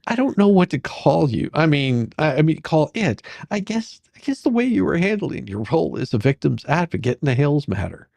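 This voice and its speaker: In this dramatic deposition reading, an actor plays a persistent, sarcastic lawyer who questions a witness with halting, repetitive, probing phrasing. The pitch sits in the middle, the delivery is very animated with vocal fry, and the tone runs darkish. There's no room sound at all.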